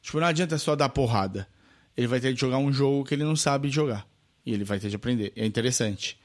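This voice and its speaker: Guy with a cold, stuffy voice, chatty film podcast, trips over his words a lot. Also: mid-range voice. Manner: halting, self-interrupting. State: has a cold, congested. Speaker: podcast co-host. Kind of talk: casual film chat.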